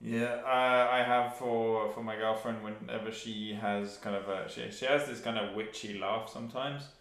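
A man co-hosting a podcast in casual chat, earnest and halting, often restarting his sentences. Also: fairly low pitch, steady tone, fairly bright tone, roomy sound. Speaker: podcast co-host.

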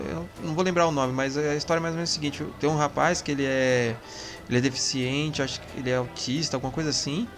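A Brazilian man in casual podcast chat, rambling in a relaxed, slangy way. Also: mid-range voice. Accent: Brazilian Portuguese.

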